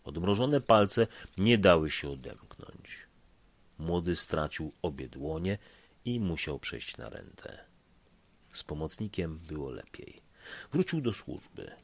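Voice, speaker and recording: Deep husky guy reading a dramatic story, voice swings up and down a lot. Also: slow pace. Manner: expressive, shifts between loud and hushed delivery. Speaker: narrator.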